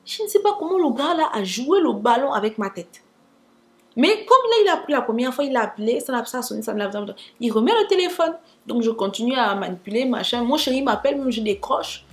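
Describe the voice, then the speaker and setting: A woman's voice: a little high, expressive, fast talker, few pauses. A young woman telling a dramatic storytime vlog, talking straight to her viewers with asides. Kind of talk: animated storytime monologue.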